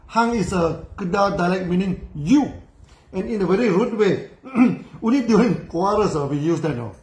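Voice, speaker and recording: Animated older Malaysian man, high voice. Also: moderate pace. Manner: tag questions, frequent "no" and "you know", chuckling while telling. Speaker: company founder telling his story. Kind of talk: storytelling talk. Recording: roomy echo.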